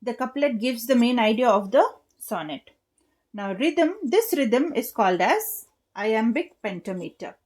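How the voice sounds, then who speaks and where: A young woman teaching an English literature lesson, explaining slowly and patiently and stopping to spell out each point for her students. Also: on the high side, animated, darkish tone. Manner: slow, patient, spells out rhyme letters and claps rhythm.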